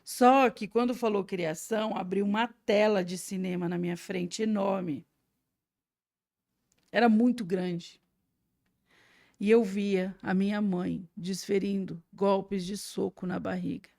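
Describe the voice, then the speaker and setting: A woman with a Brazilian Portuguese accent, a guest sharing an emotional personal testimony with vivid storytelling, swinging between hushed and loud. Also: mid-range voice, steady tone, slow, gravelly, dry recording, studio quality.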